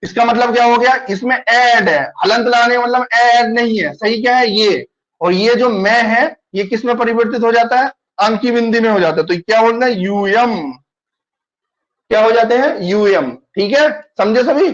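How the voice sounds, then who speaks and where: Guy teaching kids online, high voice, keeps asking the class stuff again, kinda dull lo-fi audio. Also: moderate pace, fairly bright tone. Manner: patient, repeats questions to students.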